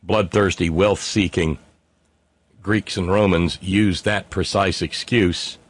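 Reading out his chat, this livestream host rambles casually and wryly, stumbling through fillers and restarts. His voice is low-pitched and slow, with fairly even intonation.

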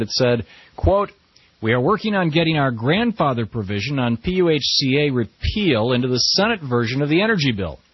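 A man's voice: mid-range voice, husky, no echo. An American man hosting talk radio in an emphatic, rhetorical monologue, recorded in a studio. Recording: slightly dull radio broadcast audio.

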